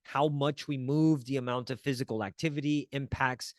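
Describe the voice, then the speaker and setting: Speaking to camera at a moderate pace, this wellness coach has a medium-pitched, steady voice, captured dry and at studio quality. His teaching is earnest and encouraging, and he frequently checks on the listener, starting phrases over as he searches for words.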